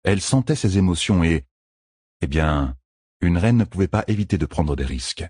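A man narrates an audiobook in a measured, expressive way. His voice is husky and moves a lot in pitch. It is recorded close and dry. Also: dry recording. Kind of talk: scripted narration.

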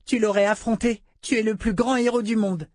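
A man doing a small excitable girl. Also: brisk, no echo, clean studio sound, natural voice. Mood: eager. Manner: high, eager childlike chatter.

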